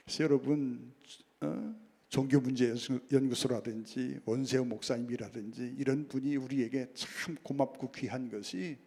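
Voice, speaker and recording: A man's voice: mid-range voice, a little mellow, slightly rough, in a large hall. A man preaching a sermon as pastor, often calling out to the congregation and answering his own questions. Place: church sanctuary.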